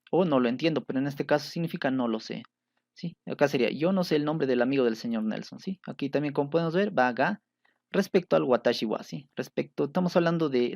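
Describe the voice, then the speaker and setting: A patient male teacher talks learners through grammar points, often pausing to check that they follow. His voice sits at an ordinary middle pitch, and the recording is dry and close with no room echo. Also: creaky, darkish tone. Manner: patient, checks understanding with frequent "¿sí?". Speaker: Japanese language teacher. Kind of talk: explanatory lesson.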